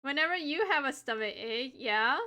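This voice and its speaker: A woman's voice: sits high, animated, normal speed, sharp tone. A young adult woman hosting a live stream, chatting casually and teasing, laughing often. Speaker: livestream host.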